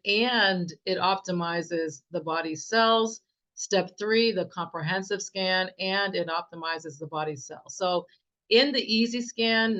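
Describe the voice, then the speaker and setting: A woman giving a casual, enthusiastic software demo as a naturopath, with many fillers and restarts and a slightly strained voice. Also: fairly low pitch. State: slightly losing her voice. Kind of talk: casual screen-share product demo. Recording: dull, muffled sound.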